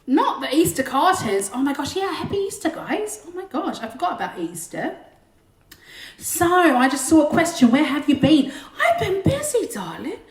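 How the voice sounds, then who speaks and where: A woman who sings and teaches singing chats casually and jokes between songs on a home livestream, from a room at home during lockdown. Her high-pitched voice is very animated at a moderate pace, and she's self-deprecating with a big belting voice. The audio has a roomy echo and faint backing music.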